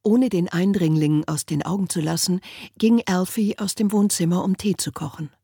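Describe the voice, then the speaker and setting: A woman narrating an audiobook in a calm, measured storytelling manner. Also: on the low side, breathy edge, no room sound, studio quality. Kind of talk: scripted narration.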